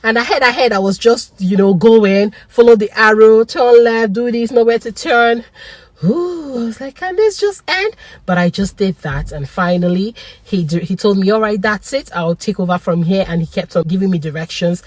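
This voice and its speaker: Excitable woman telling a story. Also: medium pitch, normal speed, dry recording. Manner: animated, excitable, laughs often. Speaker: vlogger. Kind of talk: casual storytelling vlog.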